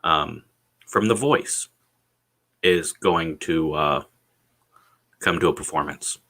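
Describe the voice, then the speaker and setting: A man chatting casually on a solo livestream, rambling and halting, repeating words and pausing as he goes, with blunt, sweary language. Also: extremely low pitch, bright, forceful tone. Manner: halting, meandering delivery with repeated words and drawn-out pauses.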